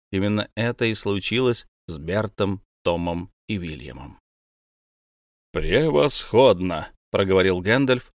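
Male storyteller, lively melodic delivery, dry close studio read. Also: mid-range voice, no room sound. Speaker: narrator. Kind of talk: audiobook reading of a fantasy tale.

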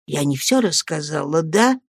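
A woman voicing a hoarse, faint dying old woman who confesses slowly and with guilt, in a storybook reading. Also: low-pitched, lively intonation, dry recording, studio quality. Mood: weak, confessing. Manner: slow, drawn-out confession.

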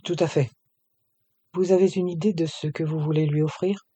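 A man's voice: fairly high pitch, fairly even intonation, moderate pace, dark tone, breathy edge. A man voicing a shy young woman who works in a clothing shop and blushes easily. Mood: polite. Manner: shy, hesitant.

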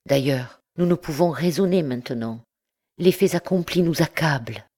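A woman's voice: deep voice, lively intonation, moderate pace, dark tone, voice pushed up. A woman reading an audiobook, voicing an anguished, upright young man who pleads earnestly. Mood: urgent.

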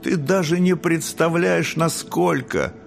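A man voicing a young, rebellious and curious girl angel who talks in excited squeals. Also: fairly high pitch, takes it slowly, creaky, faint music behind, voice pushed up. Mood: upset.

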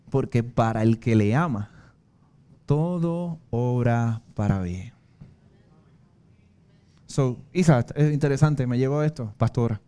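A man's voice: mid-range voice, dark tone. A male pastor with a Puerto Rican accent preaching a sermon in an earnest way, weaving in personal stories. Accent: Puerto Rican Spanish.

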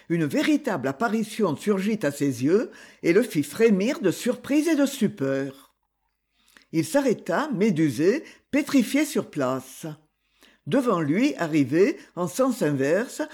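A man reading an adventure novel aloud as an expressive audiobook narrator. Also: sits high, slightly rough. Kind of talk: scripted narration.

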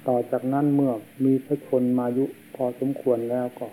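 A man, a monk, giving a slow and solemn sermon, heard on an old worn tape. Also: mid-range voice, flat delivery, mellow, slight background noise, low-quality recording. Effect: old worn tape recording.

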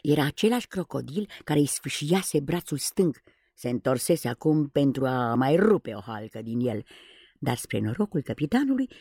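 A woman reads a children's fairy tale aloud with expressive, dramatic phrasing. Her voice is low and husky with a gravelly edge, and her pitch moves widely. The recording is close and dry. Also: no echo. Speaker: audiobook reader. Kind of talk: storybook narration.

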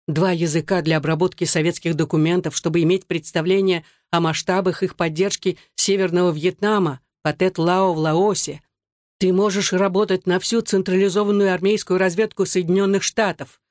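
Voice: mid-range voice, steady tone, fairly quick, no echo, lightly acted. Reader's stern, short-tempered father figure, exasperated, dry reading. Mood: persuading. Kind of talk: audiobook reading.

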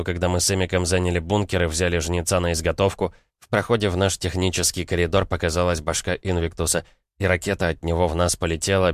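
A man's voice: sits low, no echo, clean studio sound. A man narrating a first-person audiobook in a colloquial, wry tone.

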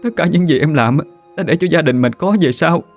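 A man's voice: a little high, brisk, pitched above the performer's own voice. A man voicing a sobbing, pleading young wife. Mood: tearful. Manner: sobbing, begging. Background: faint music.

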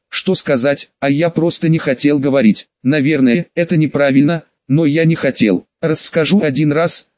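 Man narrating an audiobook, fairly high voice. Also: no echo, lo-fi sound. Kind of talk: first-person audiobook narration.

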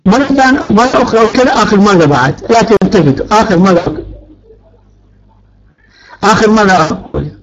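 A man's voice: high voice, expressive, brisk, long pauses, a bit bright, lo-fi sound. A male teacher giving a grammar lecture, stretching out key words and quizzing his students. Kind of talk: Arabic morphology lecture.

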